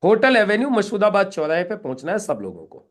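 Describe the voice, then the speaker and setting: A man's voice: sits high, sing-song, fairly quick. Male trainer drilling a group. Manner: instructive, drilling the group with questions. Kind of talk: live training session.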